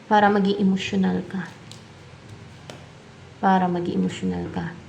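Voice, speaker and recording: A woman's voice: mid-range voice, little pitch movement, normal speed, gravelly, darkish tone, a little hiss or hum. A woman with a Filipino accent giving a tarot reading, musing aloud as she asks and answers her own questions. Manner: mixes English tarot terms into her talk. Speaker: tarot reader.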